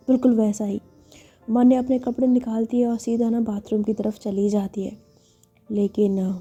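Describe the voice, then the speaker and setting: Woman telling a story, mellow tone. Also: a little high. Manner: chatty, casual storytelling with filler "na". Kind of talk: spoken story narration. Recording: slightly dull recording, faint music.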